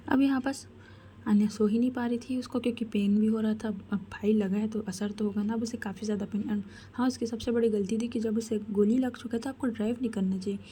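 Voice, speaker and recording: Soft-spoken woman telling a story. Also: on the high side, a little hiss or hum. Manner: chatty, addresses listeners, soft-spoken. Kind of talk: casual story narration.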